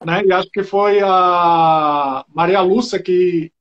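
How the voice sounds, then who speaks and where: A man's voice: high-pitched, takes it slowly, highs cut off. A male host of a live video-call interview, affirming the guest and asking others to confirm details.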